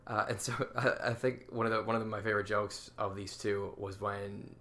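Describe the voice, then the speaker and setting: Male co-host, bright voice, relaxed, agreeable listener who chimes in. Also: fairly low pitch, a little fast. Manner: easygoing, agreeing, mimics characters. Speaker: podcast co-host. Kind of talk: casual chat.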